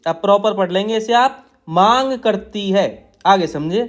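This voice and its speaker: A man's voice: sits high, a little slow. A man teaching shorthand outlines, explaining each stroke in a patient, repetitive way while drawing on a tablet. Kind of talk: tutorial explaining steno outlines.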